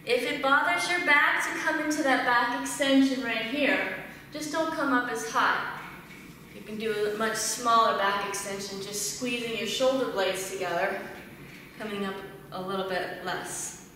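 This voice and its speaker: Bright echoey woman fitness instructor. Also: on the high side, a little hiss or hum. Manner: calm step-by-step cueing of breath and form. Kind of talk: instructional exercise demonstration. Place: large tiled living room at home. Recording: echoey room from far off.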